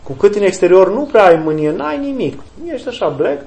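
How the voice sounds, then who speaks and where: A man's voice: high voice, big pitch swings, creaky, darkish tone, rough recording. A man, a priest, giving an emphatic spiritual talk to an audience and answering their questions, repeating key phrases for weight.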